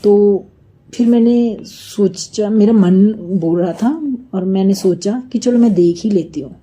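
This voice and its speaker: A middle-aged woman from India recounts a personal devotional story to her listeners. Her voice is very soft, dark and mellow, sitting at an ordinary pitch. She talks in an earnest, rambling way and keeps turning to her audience. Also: a little slow, husky. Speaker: devotee sharing a testimony. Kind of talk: spoken devotional testimony.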